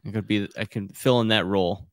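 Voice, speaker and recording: A man's voice: lowish voice, steady tone, fairly quick, no room sound. A man co-hosting a podcast in casual chat, jokey, self-mocking and earnest.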